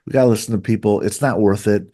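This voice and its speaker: A man's voice: lowish voice, quick pace, dark tone. A man co-hosting a political podcast, speaking earnestly and repeating words as he starts sentences. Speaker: podcast co-host. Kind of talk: casual political chat.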